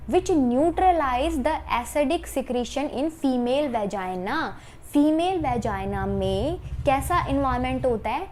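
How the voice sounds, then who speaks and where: A young woman teaching a biology exam-prep lesson. She asks questions and answers them herself, reading English question text slowly before explaining it again in Hindi mixed with English. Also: high voice, warm tone.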